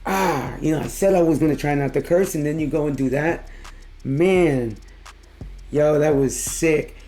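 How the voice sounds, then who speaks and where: A man with a hoarse, tired voice giving a casual, excited music reaction in slangy, emphatic talk. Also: fairly high pitch. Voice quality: hoarse, worn-out voice from losing it. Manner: slangy, emphatic, drawn-out exclamations. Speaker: music reaction video host.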